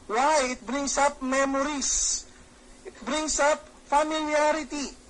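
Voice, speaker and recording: A middle-aged man giving a Taglish seminar talk as a marketing trainer, lively, asking his audience questions and acting out bits of dialogue. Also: extremely high pitch, slow pace, poor audio. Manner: lively, acts out quoted dialogue.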